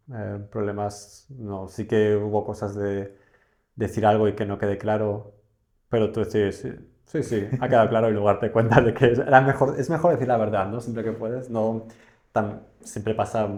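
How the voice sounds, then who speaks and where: This lowish, dark-toned voice belongs to a young Spaniard appearing on a podcast. The interview is casual, and he talks reflectively, stumbling into hesitations and fillers again and again.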